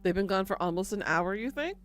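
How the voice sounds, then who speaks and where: A woman streams a game and chats casually with her viewers, laid-back and self-deprecating. Her medium-pitched voice is expressive and a bit bright, and she talks briskly.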